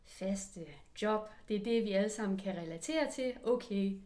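A woman's voice: mid-range voice, dark tone, recorded from a distance. A woman interviewing a guest in a casual way, rephrasing her questions as she goes.

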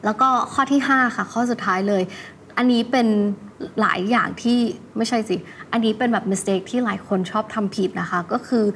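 Young woman host, slow and relaxed, casual and full of fillers, faint room hum behind. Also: mid-range voice. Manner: switches between Thai and English, heavy use of "like" and "you know". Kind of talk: casual language-learning tips.

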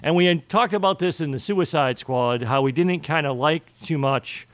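A man's voice: fairly high pitch, normal speed, no echo. A man co-hosting a podcast, chatting casually and emphatically about a TV series. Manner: emphatic, restarts mid-sentence. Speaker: podcast co-host. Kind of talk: casual discussion.

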